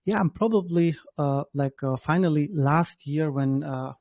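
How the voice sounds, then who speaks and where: A man in his thirties who grew up in Germany, introducing himself as a founder in a halting way, with many fillers and restarts. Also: fairly high pitch, a little mellow, no room sound, dull audio. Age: 30s. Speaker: guest, startup founder. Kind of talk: casual spoken self-introduction.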